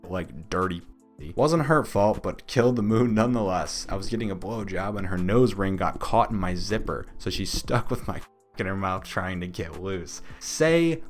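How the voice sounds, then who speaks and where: Amused man reading Reddit stories. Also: low voice. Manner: amused, often breaks into laughter. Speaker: Reddit story narrator. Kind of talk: reading anonymous stories with joking asides.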